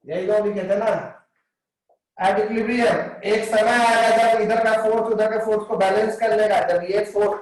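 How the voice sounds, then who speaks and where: A male physics teacher giving a live online class, dictating slowly while writing on a board. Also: high voice, darkish tone. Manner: dictates slowly, mixing Hindi and English. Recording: very echoey room, distant mic.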